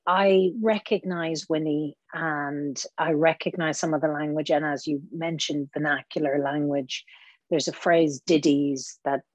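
A woman's voice: low-pitched, steady tone, unhurried, no echo. A woman actor talking as a podcast guest, reflective and searching for her words as she explains her craft. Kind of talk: conversational interview.

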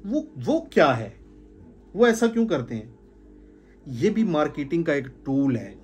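A man's voice: a little high, big pitch swings, measured pace, a little mellow, faint music behind. A man gives an informal sales talk to a small group, stressing points by repeating phrases. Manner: emphatic, repeats phrases for stress, gestures while talking. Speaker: sales trainer. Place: indoor room with curtains.

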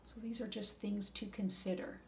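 A woman giving a calm, gentle talk of spiritual advice in a measured, reflective way. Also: medium pitch, gravelly, slight background noise. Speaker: wellness speaker.

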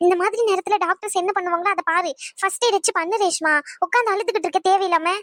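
A very high-pitched, quick-talking young woman, voiced by a woman, in a cartoon dub. She comforts and scolds her family in a firm, reassuring way. The sound is dry and close. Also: fairly bright tone, dry recording. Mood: coaxing.

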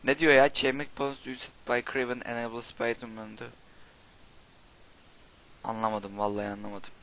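A young man hosting a gaming channel, casually commenting on play, joking and swearing excitedly at the game. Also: medium pitch, moderate pace.

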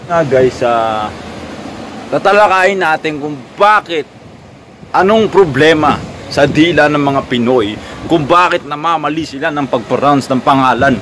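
A man with a Filipino accent talks through a comedic vlog in a fairly high voice. He lectures in a mock-serious way and bursts into shouted jokes. Steady outdoor and street noise sits behind him. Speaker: vlogger.

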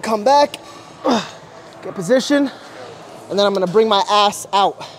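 High-voiced trainer coaching in a gym. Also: male voice, lively intonation, slight background noise. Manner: instructive, brisk cues and encouragement. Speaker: personal trainer. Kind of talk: coaching through a workout. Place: large indoor gym. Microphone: lapel mic.

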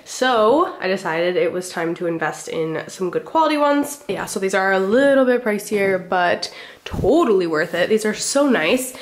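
A woman's voice: medium pitch, expressive, moderate pace. A young woman in her twenties chatting casually through a clothing try-on, a bit out of breath, filling her talk with "like". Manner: chatty, fillers like "like", upbeat. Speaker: vlogger. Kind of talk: casual try-on haul chat.

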